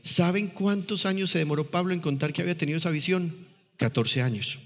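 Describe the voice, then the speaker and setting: A man with a fairly high voice delivers a sermon, pausing to ask the congregation questions as he teaches. His words ring out with a long hall echo. The recording sounds dull and lo-fi. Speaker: pastor.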